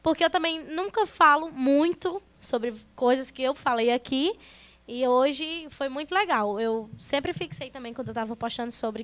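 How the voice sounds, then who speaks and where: A high-pitched woman chats as a podcast guest. She talks loosely and informally, a little nervous, the way she would with friends. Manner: informal, chatty, self-described nervous. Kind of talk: casual interview chat.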